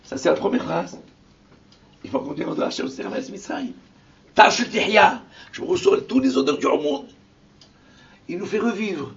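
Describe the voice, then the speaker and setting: Guy preaching a fiery sermon, lively pitch jumps, whispers then shouts, sounds far off and muffled. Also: normal speed, creaky, long pauses. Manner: impassioned, swings from whispers to shouted Hebrew verses. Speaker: rabbi. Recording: distant lo-fi recording.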